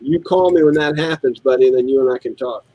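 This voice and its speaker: A man's voice: mid-range voice, brisk, muffled recording. A middle-aged man telling shop stories in a casual chat while building models and mimicking his customers. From United States. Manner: animated storyteller, mimics customers. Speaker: co-host.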